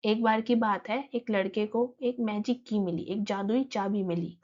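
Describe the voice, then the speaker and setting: A woman teacher, explaining a textbook lesson and reading English lines slowly before she explains them. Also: mid-range voice, a little mellow, lo-fi sound.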